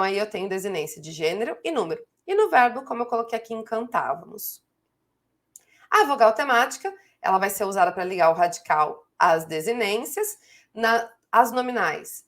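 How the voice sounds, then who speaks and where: A woman's voice: medium pitch, a bit bright. A Brazilian woman teaches grammar online in a patient, explanatory way. She checks in with her students often as she walks them through each example. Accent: Brazilian Portuguese.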